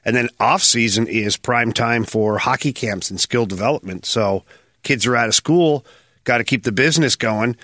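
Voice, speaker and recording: A middle-aged man chatting on a podcast in a matter-of-fact, low-key way. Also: normal speed, sharp tone, no echo, clean studio sound. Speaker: podcast co-host, former hockey player. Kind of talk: casual chat.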